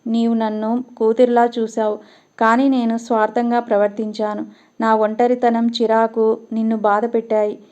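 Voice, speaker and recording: Remorseful young wife, sobbing apology a woman narrator reads her; mellow, even pitch. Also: moderate pace, dull audio, lightly acted. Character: selfish young daughter-in-law, later remorseful.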